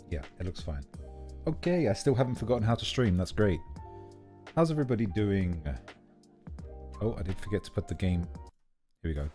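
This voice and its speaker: A man with a deep, warm but scratchy voice chats casually over a gameplay livestream, rambling and correcting himself as he talks. Faint game music runs in the background.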